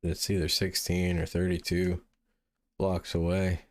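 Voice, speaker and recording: A man hosting a gaming channel, musing through relaxed gameplay commentary and sounding sleepy. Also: low-pitched, unhurried, no echo. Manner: mellow, musing, thinks aloud with restarts. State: sleepy, yawning.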